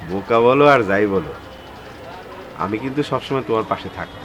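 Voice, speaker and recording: A man's voice: fairly low pitch, brisk, lightly acted. A man playing a humble devoted husband. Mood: earnest. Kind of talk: TV drama acting.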